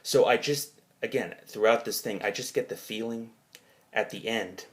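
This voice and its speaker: Speaking in a mid-range voice, a man tells of one of his own dreams for his dream journal. He rambles and stalls, sounding foggy and confused as he hunts for details and restates things.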